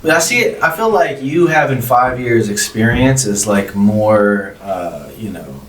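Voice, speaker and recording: A man's voice: on the low side, expressive, unhurried, soft background music. A man in his early thirties, a podcast guest chatting casually, making brief, supportive interjections. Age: 30s. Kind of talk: casual chat. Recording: echoey room, distant mic, faint noise.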